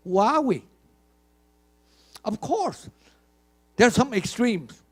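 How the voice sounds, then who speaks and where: In a conference hall, an older man gives an emphatic keynote with a very high-pitched, sing-song, slow voice. He frequently repeats words and puts questions to the audience.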